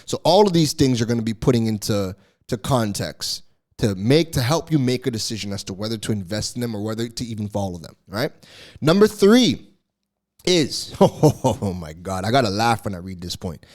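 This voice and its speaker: A man's voice: mid-range voice, very animated, moderate pace. A man hosting solo commentary as a business coach, emphatic and exasperated, repeating key words for stress.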